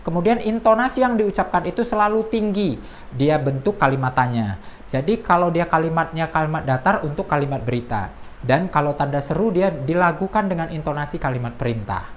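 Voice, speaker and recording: A woman's voice: low-pitched, lively intonation, fairly quick, a little hiss or hum. A woman teacher explaining a lesson in an explanatory way, sometimes reading quoted lines in a raised voice. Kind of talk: classroom lesson.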